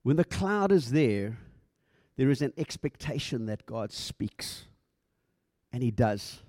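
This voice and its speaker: A middle-aged male pastor preaching in a relaxed, conversational way, playing out little back-and-forth exchanges and tripping over his words now and then. His voice is mellow and dark, recorded close and dry with almost no room sound. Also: mid-range voice, takes it slowly, dry recording. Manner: conversational preaching, acts out dialogue, stumbles and repeats words. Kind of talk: sermon.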